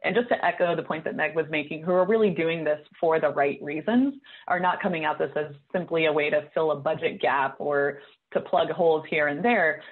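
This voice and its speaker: Earnest woman advocate, panel speaker, heard over a thin phone-like call line. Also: low voice. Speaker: cannabis policy advocate. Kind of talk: panel discussion on a video call. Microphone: video call. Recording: tinny phone-like audio.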